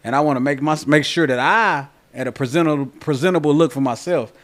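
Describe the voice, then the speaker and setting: Quick and fairly bright, with a slightly high voice, a forty-year-old cornhole player talks informally as a guest on a podcast, returning again and again to "you know what I'm saying."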